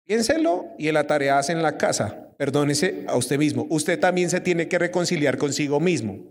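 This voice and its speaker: A young Colombian preacher with a high voice gives a lively sermon, keeps questioning his congregation. His voice rings through a hall with a long reverb. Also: normal speed. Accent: Colombian Spanish. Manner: lively, asks the audience questions.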